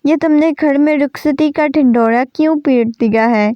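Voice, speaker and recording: A woman reading the lines of a proud, defiant young woman in a storybook novel, in her own voice with a sharp manner. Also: high-pitched, no room sound, dull audio, natural voice.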